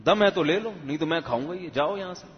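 Defiant bully camel, voiced by a male preacher, a bit higher than his usual voice, echoey dull recording. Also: expressive, natural voice. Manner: defiant, dismissive. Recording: echoey hall, dull lo-fi sound.

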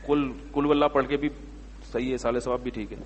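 A man's voice: medium pitch, fairly even intonation, big-room sound, a little hiss or hum. A man giving religious answers to questions in an emphatic, rhetorical manner, sometimes scolding. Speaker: Islamic scholar answering questions. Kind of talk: religious Q&A talk.

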